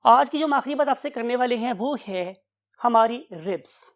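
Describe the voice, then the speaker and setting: A woman's voice: on the high side, expressive, moderate pace. A woman giving a biology class lecture. She poses questions to her students, answers them herself, checks in with "right?", and drops English terms into her explanation. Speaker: biology teacher.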